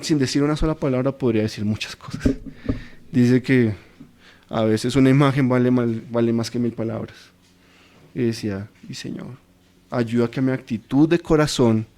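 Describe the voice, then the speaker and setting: Man, bible study teacher, mellow voice, chatty and anecdotal. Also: medium pitch. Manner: informal and anecdotal, acts out everyday quotes.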